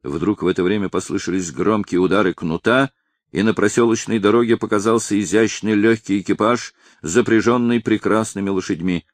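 A man narrating a historical novel in a steady, measured reading. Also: on the low side, dry recording. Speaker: audiobook narrator. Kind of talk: scripted narration.

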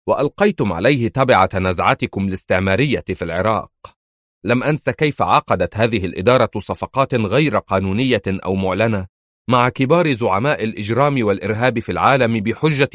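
A man's voice: on the low side, dry recording, studio quality, lightly acted. A man voicing a stern, defiant spy chief. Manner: cold, firm, defiant. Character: stern male American intelligence chief. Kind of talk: audiobook character voice.

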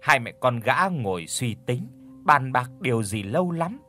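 A man reads a story aloud as an audiobook, his pitch lively and animated. His telling is expressive and scripted, with faint music underneath. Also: unhurried. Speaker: audiobook narrator.

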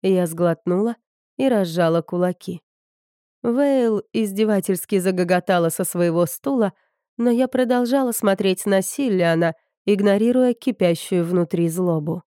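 A woman's voice: medium pitch, unhurried, warm tone, no room sound, studio quality. A woman narrating a novel as an audiobook reader, giving each character a slightly different voice. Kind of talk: scripted narration.

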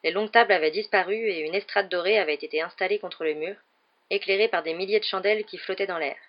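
A man narrating a novel as an audiobook reader in a steady, even storytelling manner. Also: high voice, quick pace. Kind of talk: read-aloud narration of a novel. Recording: dull lo-fi recording.

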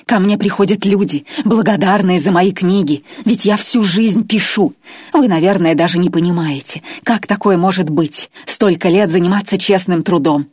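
A woman voicing a furious, self-righteous middle-aged woman writer who screeches scornful accusations in a raised, husky voice. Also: on the low side, normal speed, darkish tone, dry recording, studio quality, pitched above the performer's own voice. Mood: shrieking.

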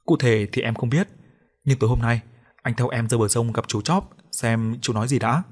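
A man's voice: mid-range voice, moderate pace, close to an everyday voice. A brash young village lad talks with a cheeky, confident edge. His voice sits in an everyday middle range, since the male narrator voices him with little change. He comes from a spoken audio story. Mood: calm.

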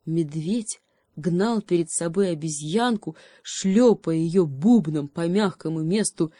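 A woman narrating a children's fairy tale in a calm, measured way. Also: on the low side, no room sound, studio quality. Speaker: audiobook reader.

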